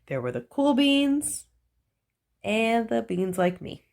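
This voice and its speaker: A woman with a fairly high, gravelly voice reads aloud from a children's picture book in a calm storytelling manner. Big pitch swings swoop through her reading, she leans playfully on the punchlines, and her pace stays gentle and deliberate.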